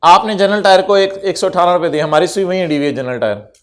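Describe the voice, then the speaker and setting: A man's voice: sits high, fast talker. A man lecturing an accountancy class, teasing his students and dropping English terms into his explanation. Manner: code-switches into English terms.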